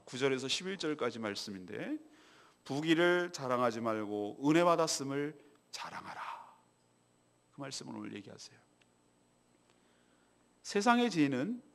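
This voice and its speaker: A middle-aged man, a pastor, preaching a Wednesday evening sermon at a church service. He swings between loud, emphatic preaching and quiet, low asides. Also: creaky. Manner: acts out quoted prayers and dialogue.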